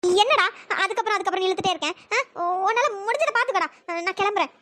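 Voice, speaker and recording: A woman voicing a sharp-tongued, teasing young wife in a cartoon. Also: expressive, fast talker, no echo, studio quality, full character voice. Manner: teasing, snappy. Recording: pitch-shifted cartoon voice with background noise.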